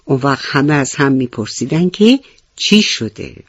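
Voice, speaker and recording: A woman storyteller narrating a scripted bedtime story and speaking to children in an animated way. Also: very deep voice, slightly rough, no room sound, highs cut off.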